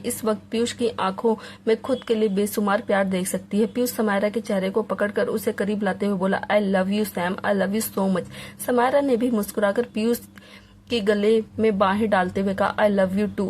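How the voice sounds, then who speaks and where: A woman narrating a Hindi audio novel in a dramatic, expressive reading style. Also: medium pitch, a little hiss or hum. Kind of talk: scripted story narration.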